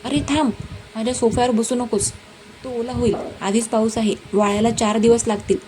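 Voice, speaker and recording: A woman's voice: fairly high pitch, fairly quick, lightly acted. A woman voicing a flustered but stubborn young woman who scolds sharply, over a noisy background.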